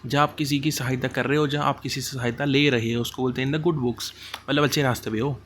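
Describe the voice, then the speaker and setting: The clip is an easygoing idiom class for exam prep, led by a man who alternates Hindi and English and illustrates meanings through everyday examples. His voice has a typical mid-range pitch, and English expressions get a slower delivery. Underneath, a soft hiss of noise persists.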